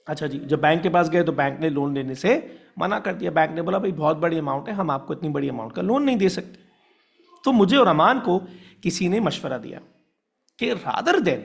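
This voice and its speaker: A man's voice: on the high side, creaky. A male business teacher, giving a classroom lecture, explaining with worked examples and checking in on whether students follow, and mixing English terms into his talk. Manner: mixes English terms into Hindi-Urdu.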